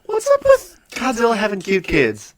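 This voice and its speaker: Guy on a podcast, super animated, keeps cracking up while he tells stories. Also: high-pitched, moderate pace. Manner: laughs often, animated storytelling. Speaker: podcast guest. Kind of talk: casual chat.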